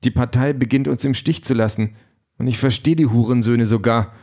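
A man's voice: medium pitch, steady tone, fairly quick, dark tone, pitched above the performer's own voice, close to an everyday voice. A man voicing an exhausted, frustrated female campaign manager who swears bluntly, in a raised voice from an audiobook reading.

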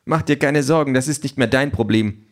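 A man's voice: medium pitch, brisk, pitched above the performer's own voice, lightly acted. A man voicing a bitter, defiant young mother who is walking out on her husband, with a scornful, cutting way of speaking.

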